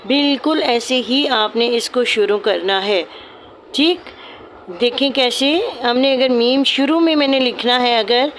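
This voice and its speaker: A woman's voice: on the high side, a bit bright, a little hiss or hum. A woman, teaching a calligraphy lesson step by step in a patient way and repeating her points. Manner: patient, repeats points, calls students "beta".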